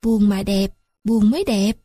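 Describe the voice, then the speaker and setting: A woman's voice: medium pitch, measured pace, mellow, no echo, lightly acted. A woman voicing a melancholy spider, once a writer, who speaks in a dreamy, mournful way.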